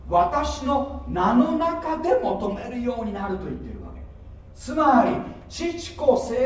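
A man preaching a sermon as pastor, animated and full of rhetorical questions, with sudden loud bursts of emphasis. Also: very high voice. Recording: echoey hall, distant mic.

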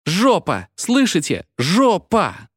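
A man's voice: mid-range voice, huge pitch swings, moderate pace, dry recording, clean studio sound, voice pushed up. A man reading a story aloud, voicing a shy, stubborn young boy who blurts out his answers. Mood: shouting.

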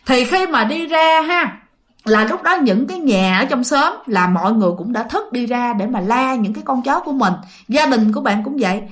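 A woman's voice: a little high, lively intonation, moderate pace. A woman telling a listener's ghost story in a chatty way, speaking straight to her listeners. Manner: chatty, addresses listeners directly.

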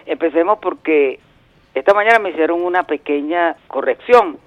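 A man's voice: fairly high pitch, expressive, normal speed, dry recording. A man in his sixties calling in to a radio show, chatting in a rambling way and trading wordplay. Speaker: regular phone-in contributor. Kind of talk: casual radio chat by phone. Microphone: telephone. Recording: dull lo-fi phone line, dry.

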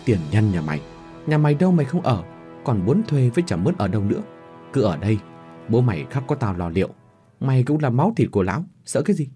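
A man voicing a sharp-tongued, loving old mother who scolds her family. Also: on the low side, lively intonation, fairly quick, soft background music, close to an everyday voice. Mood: scolding.

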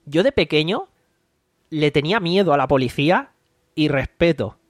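Man, casual podcast chat, somewhat high voice, dry close sound. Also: expressive, normal speed, dry recording. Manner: rambling, recounts scenes by acting out quotes. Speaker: podcast host.

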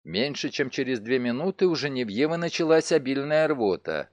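Expressive male audiobook narrator. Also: mid-range voice, moderate pace, no echo. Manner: expressive storytelling reading. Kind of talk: scripted narration.

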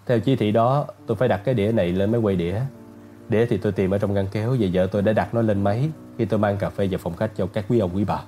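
A man doing a nervous, hurried butler. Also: on the low side, warm tone, soft background music, close to an everyday voice. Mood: anxious. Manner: hurried, pleading. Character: nervous, eager middle-aged male butler.

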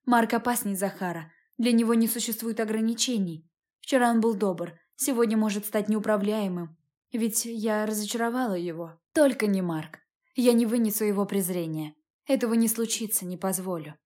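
A woman narrating a first-person audiobook in a steady, measured reading. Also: medium pitch. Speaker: audiobook reader.

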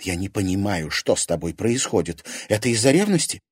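A man reading an audiobook, voicing an angry young man who shouts bitter accusations. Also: lowish voice, big pitch swings, brisk, slightly rough, no echo, studio quality. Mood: furious. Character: angry young man, hot-tempered son.

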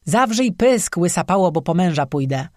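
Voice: medium pitch, lively intonation, normal speed, darkish tone, no room sound, studio quality, lightly acted. A narrator voicing a stout, stern innkeeper woman who scolds and gossips in an audiobook. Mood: scolding. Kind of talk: audiobook character voice.

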